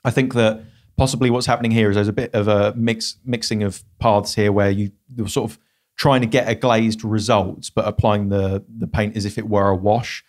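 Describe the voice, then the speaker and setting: A young man co-hosting a miniature painting critique show in a small studio, explaining techniques in a measured way into a podcast mic. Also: fairly low pitch, flat delivery, a little mellow. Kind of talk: casual feedback chat. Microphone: podcast mic on boom arm.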